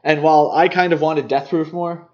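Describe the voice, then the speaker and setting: A podcast co-host with a slightly high voice and fairly even intonation chats casually at a moderate pace, sharing his opinions on films. The lo-fi podcast audio sounds a little dull.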